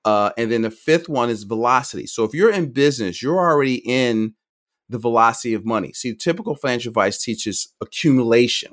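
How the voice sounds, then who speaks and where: A middle-aged man, a financial advisor guest on a podcast, talking quickly and energetically, often restarting his sentences. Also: on the low side. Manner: energetic, talks fast, jumps between points with restarts. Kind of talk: conversational podcast interview.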